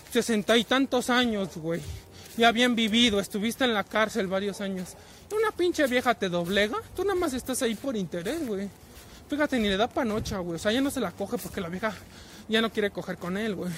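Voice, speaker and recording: High-voiced Mexican man ranting profanely. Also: a bit bright, slight background noise. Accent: Mexican Spanish. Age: 20s. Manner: profane, slang-heavy, fillers of güey after nearly every phrase. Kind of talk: casual ranting storytelling. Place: travelling in a vehicle.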